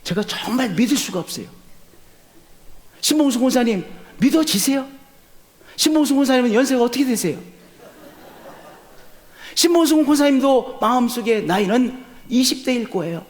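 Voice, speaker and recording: 60s pastor guy preaching, voice way up high, swings loud then drops to a hush. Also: lively intonation, moderate pace, long pauses. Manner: swings from loud urgent peaks to low hushed endings; asks the congregation questions and answers them. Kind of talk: sermon.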